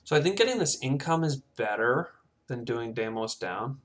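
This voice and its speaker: A man with a sing-song, medium-pitched voice talks at a normal speed while playing. He offers casual let's-play commentary, reasoning aloud through each choice in his game.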